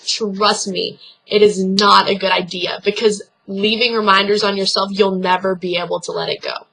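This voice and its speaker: A woman's voice: medium pitch, a bit bright, poor audio. A young woman vlogging casual advice, blunt and earnest, swearing freely as she talks straight to the viewer.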